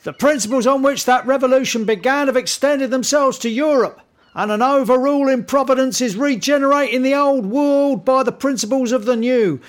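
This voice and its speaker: An actor playing an earnest, high-minded American revolutionary orator, declaiming solemnly and grandly. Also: male voice, normal speed. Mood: stirring. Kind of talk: formal oratory in a comic musical.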